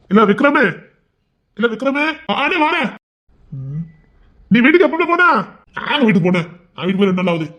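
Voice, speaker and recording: Reading a love story aloud as dramatic audio narration, a male storyteller voices each character with tearful emotion. His pitch is fairly high, his tone darkish with a breathy edge, and the recording is dull and lo-fi.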